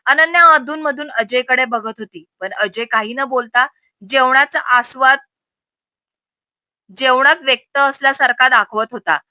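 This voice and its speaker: Woman story narrator, expressive and steady; dry, close sound. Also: high-pitched, a little slow, dry recording.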